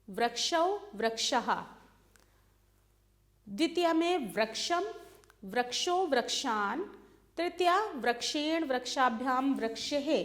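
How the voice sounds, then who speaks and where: A woman teaching a grammar lesson, reciting word forms one after another in a slow, rhythmic way. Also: sits high, a bit bright.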